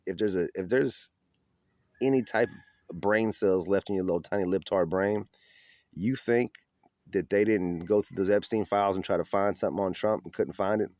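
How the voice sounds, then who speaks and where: A man with a fairly low voice rants outdoors in the cold, profane and combative. His delivery is mocking and blunt. The sound is dry and close, with little room around it. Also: moderate pace, darkish tone, no room sound. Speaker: political vlogger. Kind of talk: ranting political commentary.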